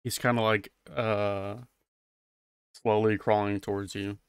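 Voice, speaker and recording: A man narrating as game master of a tabletop game, low-key and matter-of-fact. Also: level tone, a little slow, clear, resonant tone, no echo, studio quality.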